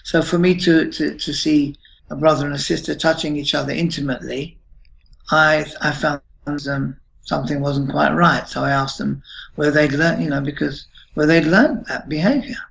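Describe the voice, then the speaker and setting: A man in his late fifties, recounting a troubling experience in a halting interview answer with many restarts. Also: a little high, fairly even intonation, gravelly, fairly bright tone, rough recording. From United Kingdom. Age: 50s. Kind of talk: emotional personal account.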